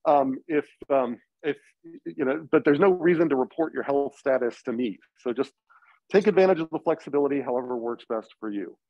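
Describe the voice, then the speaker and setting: A man speaking through a face mask with a cold, giving an informal, halting university lecture introduction. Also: medium pitch, no room sound. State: getting over a cold. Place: lecture classroom. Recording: slightly dull, muffled classroom recording.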